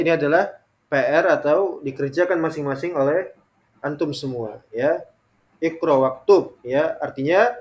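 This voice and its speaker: A man teaching an online Arabic lesson, reading example sentences slowly and often adding "ya" between phrases. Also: fairly high pitch. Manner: frequent filler "ya" between phrases.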